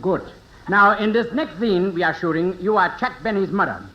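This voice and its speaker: An actor playing a pompous, bossy German film director with a German accent and a theatrical manner, in old radio comedy style. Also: male voice, high-pitched, normal speed, close to an everyday voice. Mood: amorous, directing. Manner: imperious, theatrical. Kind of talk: 1950s radio comedy acting. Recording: dull, noisy old radio broadcast.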